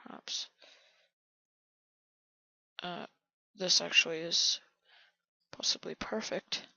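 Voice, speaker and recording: A man quietly commenting on his own game build, often half-whispering to himself. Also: sits high, little pitch movement, slow, creaky, no echo, highs cut off. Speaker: channel host building in a video game.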